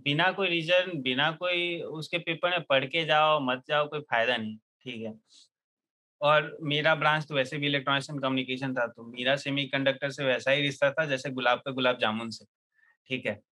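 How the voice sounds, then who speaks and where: A man's voice: medium pitch, moderate pace. A young man telling a comic hostel story in a chatty group, joking and laughing often, mixing into his speech. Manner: lively, jokey, laughs often. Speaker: storyteller in a group chat show. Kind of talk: comic storytelling among friends.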